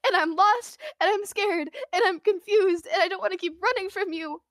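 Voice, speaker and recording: A woman's voice: sits high, normal speed, a bit bright, dry recording. A woman playing a scared, desperate teenage girl who pleads raw and swears. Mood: pleading. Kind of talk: tabletop role-play.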